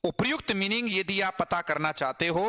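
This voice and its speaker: A man's voice: sits high, animated, brisk, bright, forceful tone. A man with a Hindi accent teaching English grammar in a live online class, explaining patiently, repeating words and quizzing his students.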